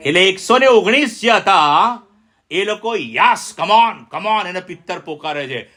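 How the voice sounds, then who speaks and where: A man's voice: high-pitched, animated, a little slow, pushed and bright. A middle-aged man from India preaching a sermon with call-and-response. He speaks with emphasis and keeps asking his listeners questions.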